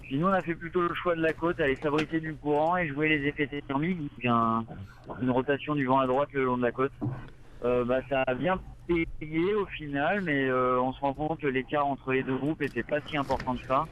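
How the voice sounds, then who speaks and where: A man, a sailing race skipper, talking casually over a radio link from his boat, halting and full of hesitations. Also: medium pitch, fairly even intonation. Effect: heard over a crackly radio link from a boat. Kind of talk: casual live interview. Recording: tinny radio link from sea.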